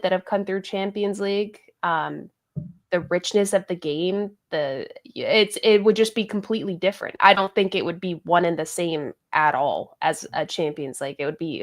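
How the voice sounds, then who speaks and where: A woman co-hosting a sports podcast, thoughtful and quick to laugh, on a video call. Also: on the low side. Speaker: co-host, soccer analyst.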